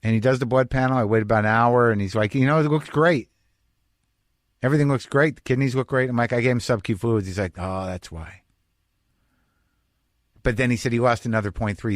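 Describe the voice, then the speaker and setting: A man's voice: medium pitch, no room sound, clean studio sound. A middle-aged man hosting a podcast, telling a personal story in a rambling, confessional way. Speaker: podcast host. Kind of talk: casual monologue. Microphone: podcast microphone.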